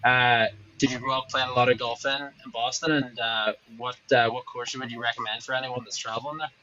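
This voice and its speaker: A man's voice: medium pitch, little pitch movement, fairly quick, dull audio, noisy background. A man hosting a podcast, chatting in a friendly, conversational way with frequent "um"s. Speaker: podcast host. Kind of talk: casual interview chat.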